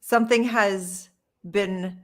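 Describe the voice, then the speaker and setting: A woman's voice: medium pitch, steady tone, takes it slowly, fairly bright tone. A woman co-hosting a casual podcast chat, talking in an emphatic, chatty way that sometimes trails off. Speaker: podcast co-host. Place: lives in Canada.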